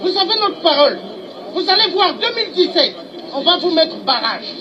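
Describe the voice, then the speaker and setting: A man at a street protest delivering a defiant, accusing speech, shouting at times. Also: very high voice, big pitch swings, normal speed. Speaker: protester in a played clip. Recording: dull lo-fi clip, loud crowd and noise.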